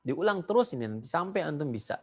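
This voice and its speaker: A man's voice: fairly high pitch, big pitch swings, quick pace, husky. A male Arabic teacher giving a beginner language lesson, patiently repeating each word so learners can echo it.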